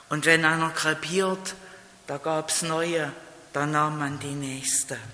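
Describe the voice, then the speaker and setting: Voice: mid-range voice, sharp tone. A preacher giving a sermon, emphatic, repeating key phrases and asking rhetorical questions. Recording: roomy hall with long reverb.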